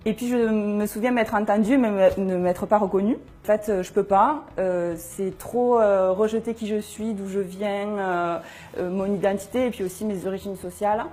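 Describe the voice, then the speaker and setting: A woman's voice: mid-range voice, steady tone, normal speed, a little mellow. A young woman giving a personal testimony in an interview, speaking in a reflective, hesitant way as she searches for words.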